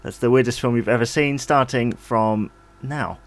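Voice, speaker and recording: A man's voice: medium pitch, normal speed, dry recording. A man hosting a podcast, introducing quiz rounds in an easygoing, casual way. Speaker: podcast host.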